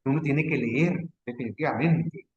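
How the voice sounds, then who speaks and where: A man's voice: medium pitch, moderate pace, a little mellow, muffled recording. Salvadoran male teacher, echoey call. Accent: Salvadoran Spanish. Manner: conversational, checks in with rhetorical asides. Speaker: teacher leading a training session. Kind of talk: online lecture. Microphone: video call.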